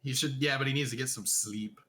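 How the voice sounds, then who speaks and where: A man's voice: medium pitch, fairly even intonation, brisk, sharp tone. A man co-hosting a game stream, chatting in a playful, teasing way. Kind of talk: casual gaming stream chat.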